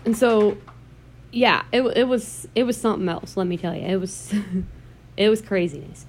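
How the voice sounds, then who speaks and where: A woman's voice: mid-range voice, moderate pace, a little hiss or hum. A woman co-hosting a casual gaming podcast, telling stories in a chatty, emphatic way. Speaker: podcast co-host.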